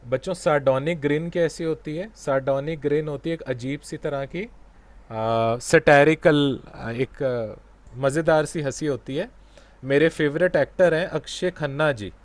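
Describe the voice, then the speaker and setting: Slow-talking Indian man teaching a class. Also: on the high side. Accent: Indian English. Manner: slow, mixes Hindi and English, quizzes students. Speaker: dental exam teacher. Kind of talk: online class lecture. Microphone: video call.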